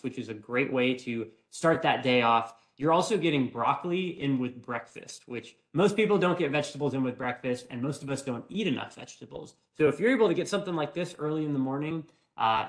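Young man, casual cooking-demo host, friendly and chatty, recorded in a small home kitchen. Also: on the high side. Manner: friendly, chatty, answers viewer questions. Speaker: cooking demonstrator. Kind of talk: live cooking demonstration. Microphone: fixed camera at medium distance.

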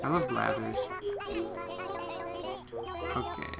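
A woman's voice: a bass voice, animated, slow, gravelly, a bit bright. A young woman hosting a casual let's play, chatty and teasing as she rambles through the game. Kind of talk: casual gameplay chat. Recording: game music playing behind.

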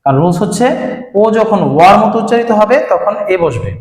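A man's voice: sits high, lively intonation, brisk, a little mellow. A man teaching an English grammar lesson, explaining step by step and asking his students questions. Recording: echoey room with long reverb.

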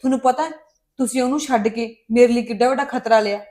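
A woman's voice: fairly high pitch, fast, a little mellow, close to an everyday voice. A woman playing a wronged, resolute young daughter. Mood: worried. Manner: pleading and indignant, insistent. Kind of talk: Punjabi family drama dialogue.

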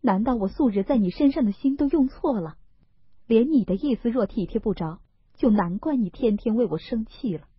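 A woman's voice: a little high, animated, moderate pace, breathy edge, no echo, voice pushed up. A woman voicing an earnest, doting young nobleman from a classic novel, pleading and coaxing. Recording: dull, lo-fi, dry recording.

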